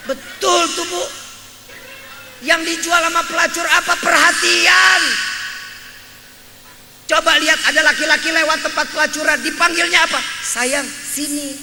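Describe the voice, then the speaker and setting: A man's voice: very high-pitched, little pitch movement, brisk, pushed and bright, faint music behind. A man preaching in a mosque, joking and teasing his congregation in slangy talk. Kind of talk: humorous sermon. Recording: echoey mosque hall, faint noise.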